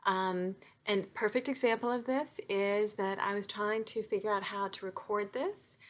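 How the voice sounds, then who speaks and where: A quick-talking woman author sits in front of her webcam and reads from her own novel. Her delivery is chatty and self-deprecating, with a medium pitch. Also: fairly even intonation. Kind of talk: chatty intro then novel reading aloud.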